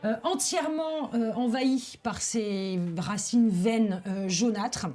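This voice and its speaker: A woman game master improvising descriptive tabletop narration, often pausing to search for words. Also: on the high side, a little mellow, faint music behind.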